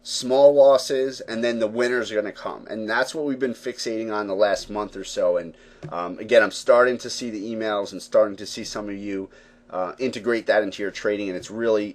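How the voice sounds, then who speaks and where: A man hosting a live trading webinar, explaining charts in a conversational way with lots of fillers and check-ins with viewers. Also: fairly low pitch. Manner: conversational, many fillers and "right, guys?". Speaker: forex trading webinar host. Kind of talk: live webinar teaching, casual.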